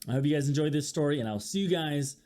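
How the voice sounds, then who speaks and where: A slightly high male voice moves fast over a bit of background noise as he reads a picture book to children in a teacherly way. He's animated, voicing sound effects and quizzing his little listeners along the way.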